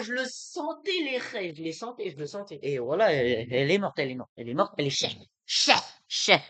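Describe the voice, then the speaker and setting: Excitable young man commentating gameplay. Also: fairly high pitch. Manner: excitable, swings from muttering to yelling, street slang. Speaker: gaming streamer.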